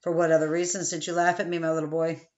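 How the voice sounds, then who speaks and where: A woman's voice: sits low, flat delivery, fast, a little mellow, highs cut off, natural voice. A woman reading an audiobook, voicing a haughty, stern male village priest who presses with questions. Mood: haughty, pressing.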